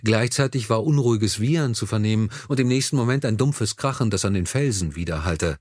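A man reading a historical novel aloud in a measured, dramatic narration. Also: fairly low pitch, darkish tone, dry recording, clean studio sound. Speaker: audiobook narrator. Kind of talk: scripted narration.

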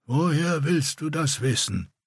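A man doing a gruff haughty older warrior. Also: a little high, animated, measured pace, no echo, clean studio sound, voice pushed up. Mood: grumpy. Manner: grumbling and dismissive.

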